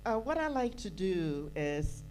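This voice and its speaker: A Ghanaian woman in the audience at a conference hall speaks earnestly into a handheld microphone, repeating phrases for emphasis so her point builds. Her voice is fairly low and darkish, very animated yet measured in pace. The audio is poor, with a little hiss or hum.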